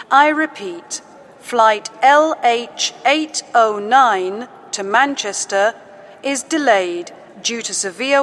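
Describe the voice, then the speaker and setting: A woman reads a scripted airport announcement in a formal, polite and measured manner. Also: a little high, a bit bright.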